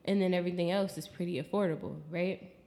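An American woman chatting casually in a travel vlog, expressive and swearing freely, acting out her own quotes. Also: on the low side, fast. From United States. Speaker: vlogger.

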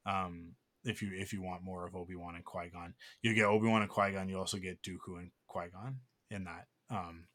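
Male podcast host, low-ish voice, rambling and heartfelt. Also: steady tone, fairly quick, hardly any pauses, fairly bright tone. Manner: rambling, emotional, many fillers and restarts. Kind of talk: casual podcast chat.

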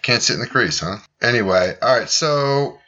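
A man's voice: medium pitch, expressive, moderate pace, sharp tone, dull audio. A man hosting a casual podcast chat, rambling and joking. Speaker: podcast host.

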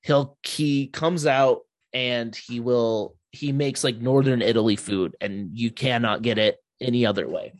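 A man's voice: mid-range voice, measured pace, few pauses, no echo. A man hosting a casual podcast chat, laid-back and swearing casually.

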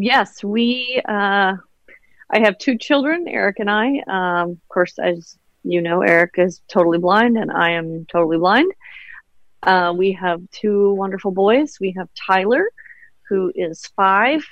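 Give me a woman as a panel guest, talking in a friendly, halting way with fillers. Her pitch is middling, and the sound is dull and lo-fi. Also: no echo. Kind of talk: casual chat on a panel.

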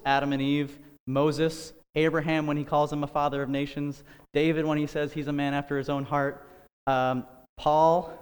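A man's voice: on the high side, clean tone, in a large hall. A man giving an earnest, conversational sermon-style talk on a podcast, with casual asides and fillers. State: out of breath. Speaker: podcast host preaching.

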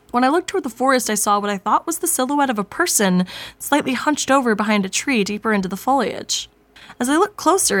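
A woman's voice: on the high side, fairly bright tone. A woman hosting a podcast, chatting casually and reading online stories aloud in an informal, self-amused manner. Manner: chatty, informal, quick to giggle at herself. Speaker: podcast host.

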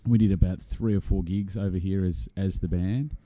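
A man's voice: sits low, steady tone, normal speed, warm tone. A man with a Tasmanian Australian accent chatting casually as an interview guest. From Hobart, Tasmania, Australia. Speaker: interview guest, singer-songwriter. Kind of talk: casual chat.

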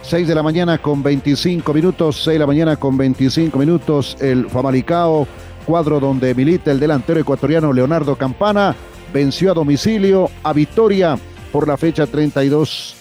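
A man with an Ecuadorian accent presenting sports news as a radio host, in a measured way. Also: fairly high pitch, warm tone, faint music behind.

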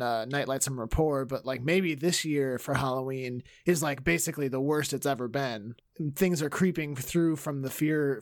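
A man chatting casually as a podcast co-host, improvising ideas haltingly and often circling back to rephrase. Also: mid-range voice, no echo, clean studio sound. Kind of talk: casual improv brainstorming chat.

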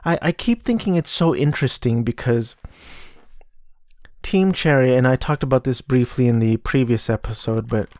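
A man talks casually on a solo podcast in a mid-pitched, dry, close voice. His delivery is flat and subdued, with noticeable vocal fry. He often hesitates and repeats words as he searches for what to say. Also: normal speed, no room sound. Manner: monotone, low-energy delivery. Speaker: podcast host. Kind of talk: casual solo podcast talk about video games.

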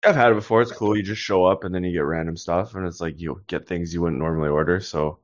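Deep-voiced guy chatting, chill, kinda muffled lo-fi audio. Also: fairly even intonation, quick pace. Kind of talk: casual chat. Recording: dull lo-fi sound.

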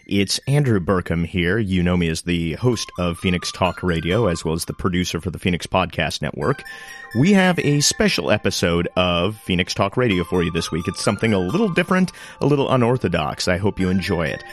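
A low-pitched man hosts a casual talk show, relaxed and chatty with plenty of fillers. He shifts easily into a smooth radio-announcer delivery. Soft music plays faintly behind him. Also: fairly quick. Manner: smooth announcer tone when presenting. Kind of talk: casual podcast introduction and live chat. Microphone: informal live-stream setup.

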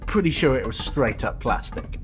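A man's voice: mid-range voice, expressive, normal speed, soft background music, lightly acted. A man playing an easygoing, dryly amused spacefarer in a sci-fi audio drama.

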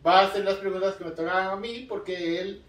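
A man's voice: high-pitched, fairly even intonation, brisk, fairly bright tone, roomy sound, distant mic. A man hosting a podcast interview, playful and teasing, sometimes trailing off into mumbles. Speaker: podcast host. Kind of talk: joking casual interview.

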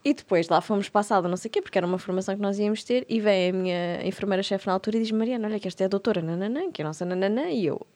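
A young woman with a European Portuguese accent recounts embarrassing stories in a relaxed chat. She laughs a lot and slips into little voices for the people she quotes. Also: medium pitch, very fast, hardly any pauses. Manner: animated, laughs often, acts out voices in anecdotes. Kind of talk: casual storytelling chat.

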